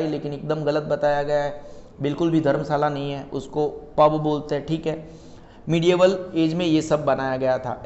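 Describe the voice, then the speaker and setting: A man's voice: on the high side, darkish tone. A young adult man teaching a classroom lecture in mixed Hindi and English, chatty and repeating his questions to the students. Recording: echoey room, dull lo-fi sound.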